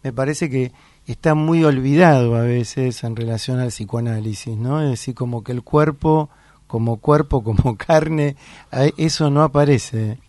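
A man's voice: medium pitch, measured pace, darkish tone, dry recording. A man, a thoughtful interviewer asking reflective questions. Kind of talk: reflective conversation.

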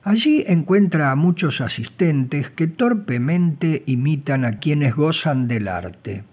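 A man's voice: on the high side, animated, slow pace, husky. A man presenting a short story with scripted literary commentary in an explanatory tone. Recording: dull lo-fi recording.

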